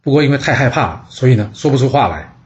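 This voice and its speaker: A man's voice: mid-range voice, expressive, quick pace, highs cut off, natural voice. A man doing an anxious, cautious minister. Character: cautious, fearful ancient male minister.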